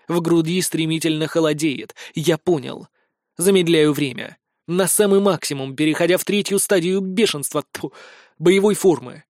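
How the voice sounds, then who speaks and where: A man's voice: a little high, no echo, clean studio sound. A man reading a first-person fantasy story in a wry, slangy, conversational manner. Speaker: audiobook narrator.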